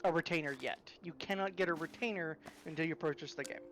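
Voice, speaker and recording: A man's voice: on the high side, quick pace, a bit bright, soft background music. A young man co-hosting a game stream, patiently explaining the rules and repeating the same answer. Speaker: co-host guiding the player. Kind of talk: casual live-stream banter.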